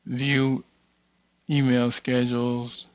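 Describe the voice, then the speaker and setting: In an unscripted screen-share walkthrough, the host mutters as he reads off items one by one and thinks out loud. His medium-pitched voice stays level and he draws out his words. The sound is lo-fi with no echo.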